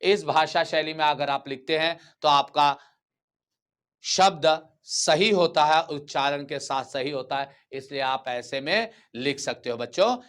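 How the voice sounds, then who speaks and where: A man's voice: on the high side, unhurried, a bit bright, clear, resonant tone. A male teacher giving a grammar lecture, who keeps repeating key terms and asking his students questions before answering them himself.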